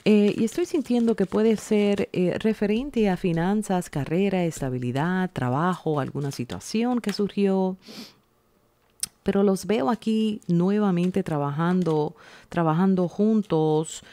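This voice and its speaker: Soft-voiced woman giving a tarot reading. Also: lowish voice, no room sound. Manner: slow, soothing, reassuring, speaks directly to the viewer. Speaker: tarot reader. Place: indoors at a table, hands seen laying out cards.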